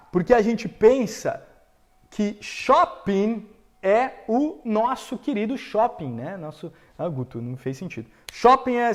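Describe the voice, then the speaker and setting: A man with a Brazilian Portuguese accent teaching English on a live stream, quizzing viewers and repeating example sentences slowly. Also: high voice, a little mellow. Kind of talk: live-streamed language lesson. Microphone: camera setup for a live stream.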